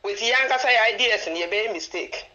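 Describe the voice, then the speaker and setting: A woman's voice: fairly high pitch, fast talker, pushed and bright. A woman with a Ghanaian accent giving informal advice as a caller to a phone-in show. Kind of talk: informal advice, switching between languages. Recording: dull band-limited call-in line.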